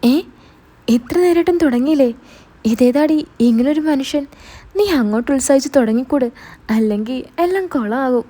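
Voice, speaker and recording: A sly, bossy young man, as a woman storyteller puts him on talks in a casual, teasing way. The voice stays mellow and a little high. It is plainly the reader's own everyday voice with no disguise. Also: animated, normal speed. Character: young adult man, scheming, quick-tempered with sister.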